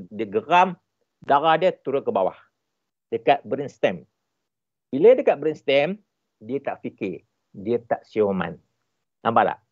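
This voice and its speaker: A man with a Malaysian Malay accent, a relationship expert giving animated, emphatic explanations in an interview. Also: mid-range voice, dry recording, muffled recording. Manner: animated, emphatic, repeats points for effect.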